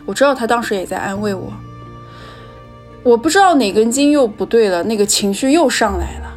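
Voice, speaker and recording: A woman's voice: a little high, animated, a little fast, soft background music. A woman telling her own personal story in a reflective, candid and emotional way.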